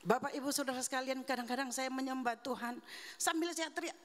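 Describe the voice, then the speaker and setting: A middle-aged woman delivers a sermon testimony in an earnest, confessional way, speaking straight to the congregation. Her voice sits fairly high. The sound carries a long reverb from a church hall. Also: fast. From Manado, Indonesia. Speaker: guest preacher. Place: church sanctuary.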